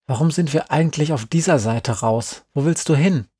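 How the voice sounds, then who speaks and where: A man voicing a blunt, gruffly teasing girl from a story. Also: on the high side, moderate pace, mellow, no room sound, pitched above the performer's own voice. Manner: gruff and mocking.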